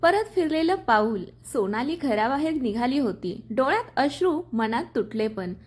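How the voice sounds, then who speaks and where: A woman's voice: high-pitched, lively intonation, normal speed, slightly rough. A woman narrating a family drama story in a dramatic storytelling manner.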